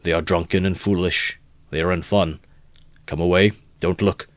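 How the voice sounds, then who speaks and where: A calm, gentle father quietly soothing his son, read by a male narrator in a storybook. The voice stays deep and low, with a dry, close sound. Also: normal speed, dry recording, close to an everyday voice.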